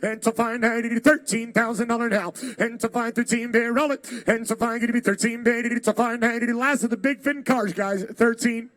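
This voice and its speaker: A man's voice: very high voice, little pitch movement, moderate pace, hardly any pauses, fairly bright tone, no echo, clean studio sound. A man working as an auctioneer, calling bids in a rolling, repetitive chant of numbers. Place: live car auction.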